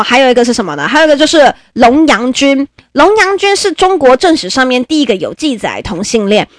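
Podcast host: woman, animated and swooping, dry close recording. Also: on the high side, dry recording. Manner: animated, chatty, laughs often. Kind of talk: casual storytelling podcast.

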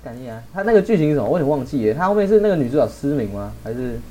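Fast-talking young man, joking and swearing. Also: medium pitch, very animated, dark tone, a little hiss or hum. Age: young adult. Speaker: podcast host. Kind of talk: casual chat.

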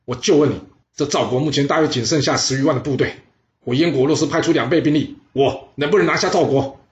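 A man voicing an arrogant, hot-tempered ancient king who shouts and scorns his advisers. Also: a little high, fast talker, close to an everyday voice. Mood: scornful. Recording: roomy, slightly dull audio.

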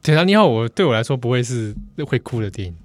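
A man's voice: mid-range voice, expressive, fast talker. A man with a Taiwanese Mandarin accent co-hosting a casual podcast chat, reflective and hesitant, often restarting his words. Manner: reflective, hesitant with repeated starts. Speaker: podcast co-host.

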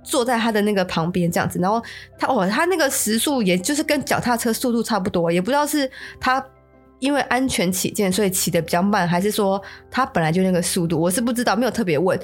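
A woman's voice: medium pitch, expressive, fast, soft background music. A woman podcast host with a Taiwanese Mandarin accent, telling a story casually, with stammering restarts. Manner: stammering restarts, acts out quotes.

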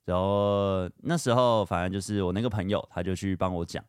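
A man's voice: sits low, brisk, clean tone, no room sound, studio quality. A young man, hosting a podcast and telling personal stories in a chatty, candid way full of fillers. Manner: chatty and candid, lots of fillers, animated when retelling. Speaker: podcast host. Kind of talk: casual storytelling monologue.

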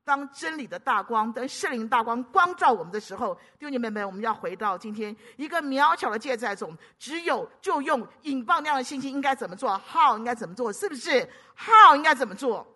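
A woman delivers a sermon in a bright, fairly high voice. She swings from loud, urgent appeals to soft, hushed storytelling, pressing her listeners with questions. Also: animated, fairly quick, hardly any pauses. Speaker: preacher.

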